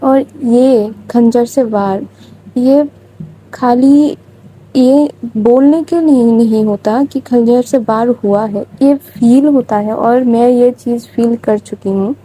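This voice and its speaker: Woman storyteller, chatty confiding asides, high husky voice, very mellow. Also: slow, low-quality recording. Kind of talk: casual story narration.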